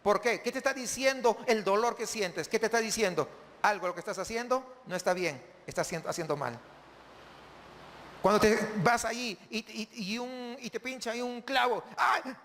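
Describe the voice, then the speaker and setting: A man's voice: sits high, moderate pace, fairly bright tone, in a large hall. A man preaching a sermon as pastor, often asking the congregation questions.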